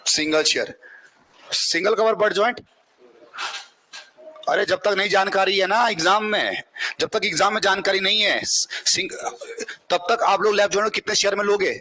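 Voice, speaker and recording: Man, exam-prep teacher, husky voice, high pitch, keeps asking the class questions. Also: moderate pace, long pauses, pushed and bright. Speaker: civil engineering teacher.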